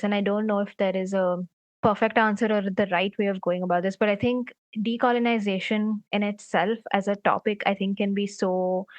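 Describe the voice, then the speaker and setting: A woman's voice: mid-range voice, no echo. A young woman speaking as an interview guest, thinking aloud and reflecting, often saying "like". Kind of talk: interview conversation.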